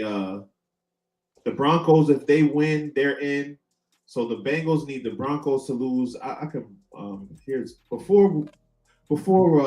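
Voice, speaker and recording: A middle-aged man hosting a casual sports chat, talking haltingly with lots of fillers. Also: mid-range voice, mellow, echoey room, rough recording. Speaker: host.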